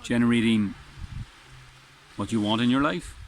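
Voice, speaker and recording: This man's voice sits in the mid range and moves at normal speed, though the audio is poor. He's a vlogger seated outdoors on a beach, talking in a strong, earnest, rambling way and often starting sentences over in a casual reflection, with faint wind audible.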